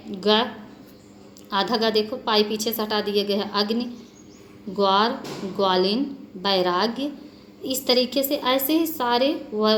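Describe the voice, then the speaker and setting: A woman's voice: mid-range voice, slight background noise. A woman teacher patiently explaining a grammar lesson to children, spelling out letters and repeating points. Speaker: school teacher.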